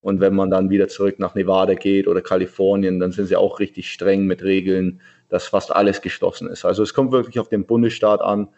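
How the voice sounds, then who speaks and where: Young man, low flat voice over lo-fi call. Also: gravelly. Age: young adult. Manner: plain, a bit halting. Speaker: guest, athlete living in the USA. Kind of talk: remote interview answers. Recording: dull lo-fi remote audio.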